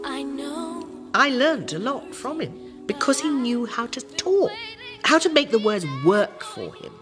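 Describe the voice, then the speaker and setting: A woman giving a reflective interview as a fellow actor. She speaks slowly, her pitch rising and falling expressively, with faint music behind. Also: animated.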